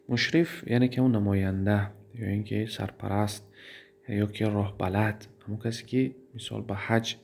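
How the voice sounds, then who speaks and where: A man with a Tajik accent teaching a grammar lesson. He drawls out word forms, asks questions and answers them himself, and pauses on fillers. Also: on the low side, darkish tone. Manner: drawls out word forms, repeats them slowly, then translates. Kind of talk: classroom lesson.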